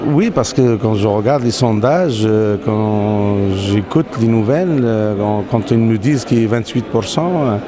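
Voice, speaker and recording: A man's voice: on the low side, lively intonation, measured pace, hardly any pauses, crowd noise. A man from Morocco, speaking in an interview with many fillers and restarts. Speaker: interviewee, company CEO. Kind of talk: casual interview conversation. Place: outdoors in a city.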